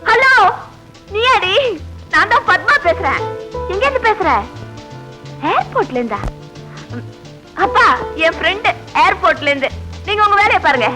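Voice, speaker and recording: Teasing spirited young woman, real high and bright, bouncy pitch. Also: lively intonation, moderate pace, pauses often, over music. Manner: playful teasing, then spirited. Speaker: young woman in love, daughter. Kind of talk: 1970s film acting.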